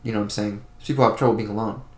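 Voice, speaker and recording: This young Florida podcast co-host keeps things relaxed and meandering, leaning heavily on filler words in casual conversation. He speaks rapid-fire in a fairly low voice with mostly even intonation, and the room is reverberant.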